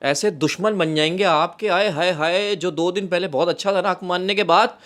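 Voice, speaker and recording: A man's voice: high-pitched, normal speed, a bit bright. A man with a Karachi Urdu accent hosting a casual comedy podcast, often cutting in with exclamations of praise. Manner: exclaims "kya baat hai" and "haye haye" often. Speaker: podcast host.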